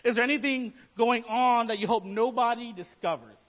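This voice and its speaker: A man's voice: extremely high pitch, moderate pace, a bit bright, dull audio. A man preaching a sermon as pastor, talking conversationally and asking his listeners many questions.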